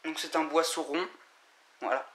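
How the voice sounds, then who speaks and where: A man giving a casual, halting unboxing commentary, full of fillers and restarts. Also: on the high side, fairly even intonation. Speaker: vlogger unboxing scooter parts. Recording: echoey room with loud noise and crinkling.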